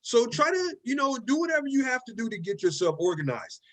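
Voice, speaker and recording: A man's voice: very high voice, sing-song, a little fast. A male college writing instructor giving a casual online class lecture from his desk over a video call. He talks conversationally, often checking in with "okay?" and "right?", and repeats words while he finds his phrasing.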